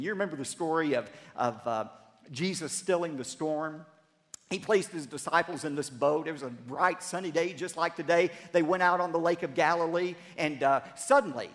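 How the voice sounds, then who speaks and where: A man preaching a sermon, telling a story dramatically and rising to loud cries, then dropping low. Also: long reverb tail. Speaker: pastor.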